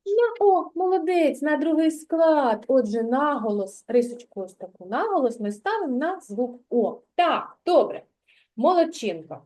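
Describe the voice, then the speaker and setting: Patient kindergarten teacher, woman, high gentle voice, mellow tone, unhurried. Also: big pitch swings. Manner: patient, slow, encouraging, praising often. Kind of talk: remote literacy lesson with a child.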